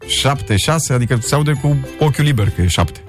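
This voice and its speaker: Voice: medium pitch, expressive, soft background music. A radio morning show co-host in casual on-air banter, reading out jokes in a playful, teasing way. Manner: teasing, playful, mock-sulking. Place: radio studio.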